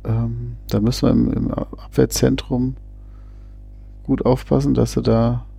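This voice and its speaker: A man's voice: medium pitch, little pitch movement, measured pace, gravelly, mellow, husky, no echo, soft background music. A man giving casual, chatty football commentary, often hesitating and restarting his sentences. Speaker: fan co-commentator.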